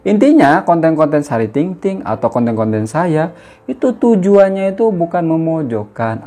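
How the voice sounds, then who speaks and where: A man's voice: mid-range voice, mellow. A man from Indonesia giving earnest, persuasive reaction commentary, with rhetorical questions. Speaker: YouTuber responding to a clip.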